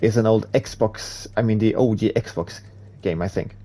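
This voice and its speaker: A Swedish man whose first language isn't English races on a live stream, chatting casually, reading comments out loud and chuckling at himself. He speaks a little slowly, in a lowish, mellow voice.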